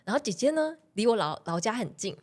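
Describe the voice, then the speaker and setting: A young woman, a podcast guest telling personal stories in a casual, animated way and laughing often. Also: fairly high pitch, fast. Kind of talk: casual storytelling chat.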